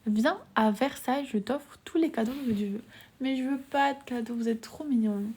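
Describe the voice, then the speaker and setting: A young woman from France chatting casually on a live stream. She often drops into soft whispers, giggles a lot and uses casual slang. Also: a little high, moderate pace, slightly rough. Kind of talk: live-stream chat with viewers.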